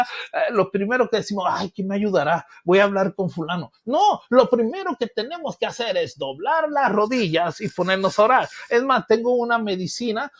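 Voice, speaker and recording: A middle-aged male pastor preaching a teaching sermon, acting out voices and objections with emphatic bursts. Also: high-pitched.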